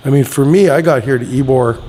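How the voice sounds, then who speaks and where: A man's voice: mid-range voice, fairly quick, mellow. A man in his forties, a podcast guest from Pennsylvania, telling his story in a rambling, easygoing way with many restarts. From Erie, Pennsylvania. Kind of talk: casual interview chat. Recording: long reverb, faint ambient noise.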